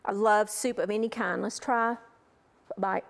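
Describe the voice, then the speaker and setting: A woman's voice: mid-range voice, fairly even intonation, moderate pace, gravelly. A middle-aged woman hosting a cooking show, gushing enthusiastically over the food she demonstrates.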